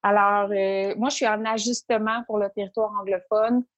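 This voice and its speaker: Speaking at a normal pace in a mid-range voice, a woman from Quebec appears as an entrepreneur guest in an interview, her Québécois French accent clear. She recounts her story with lively animation, frequently acting out what she was thinking.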